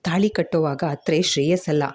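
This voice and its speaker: A woman voicing a caring middle-aged aunt who gives gentle, firm instructions. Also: deep voice, a little fast, husky. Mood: instructing.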